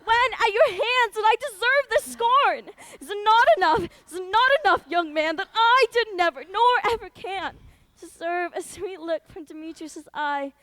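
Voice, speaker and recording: A woman's voice: very high voice, expressive, normal speed, fairly bright tone. Helena, lovelorn and indignant, played by a woman. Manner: pleading, rising to indignant outbursts. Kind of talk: school stage play.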